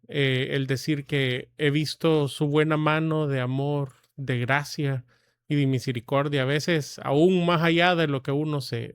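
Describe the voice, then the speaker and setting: A man in his forties from El Salvador, a guest telling his life story in a measured, reflective way with frequent pauses. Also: medium pitch, clean tone, dry recording. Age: 40s. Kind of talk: testimony interview.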